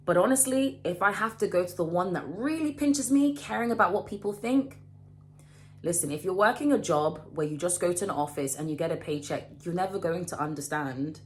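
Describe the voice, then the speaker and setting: Low-voiced woman in her late twenties. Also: a little fast, a little hiss or hum. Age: late 20s. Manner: animated, emphatic, repeats and restarts phrases. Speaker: vlogger. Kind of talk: casual motivational talk to camera.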